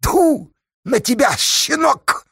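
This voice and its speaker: Man doing a shrill, thin-voiced old village elder. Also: lively intonation, slow pace, vocal fry, no echo, clean studio sound, heavily acted. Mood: scornful. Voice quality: thin high voice. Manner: preachy, scornful, rising to shrill shouts.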